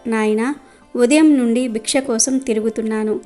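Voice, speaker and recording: A woman reading the part of an old wandering holy man, hungry and plaintive, in a devotional storybook. Her voice sits a little high, with faint music behind it. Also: fairly even intonation, moderate pace, warm tone, lightly acted. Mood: pleading. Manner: begging, plaintive.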